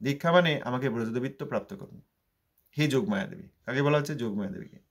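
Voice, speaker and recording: A man giving a religious discourse, chanting verses slowly and then explaining them. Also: medium pitch, lively intonation, gravelly. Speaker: scripture teacher.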